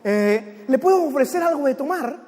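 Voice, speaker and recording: A preacher doing a polite, patient waiter. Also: male voice, very high-pitched, animated, normal speed, a little mellow. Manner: courteous and formal. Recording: long hall reverb.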